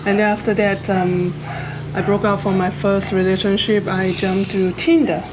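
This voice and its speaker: A woman's voice: mid-range voice, flat delivery, moderate pace. A woman in her thirties from Malaysia, telling her story in a casual, chatty way with phrasing. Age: 30s. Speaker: co-host. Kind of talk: casual chat. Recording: noisy background hiss.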